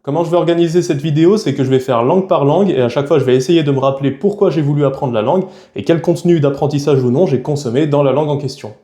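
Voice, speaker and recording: A man's voice: a little high, very fast, hardly any pauses, mellow, reverberant. A young man from France talking frankly and casually to camera in a vlog, with a chatty, slangy way of speaking. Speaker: YouTuber.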